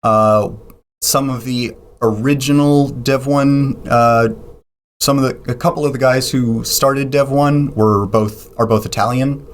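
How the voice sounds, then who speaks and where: A man's voice: medium pitch, steady tone, unhurried, a little hiss or hum. A man being interviewed on a podcast, explaining technical details at length with frequent ums and restarts. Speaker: podcast guest.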